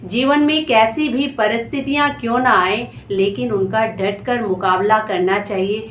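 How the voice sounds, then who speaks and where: Woman as wise fatherly guru, calm, gentle, instructive, storybook telling, roomy recording. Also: fairly high pitch, measured pace. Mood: encouraging. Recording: echoey room, faint background noise.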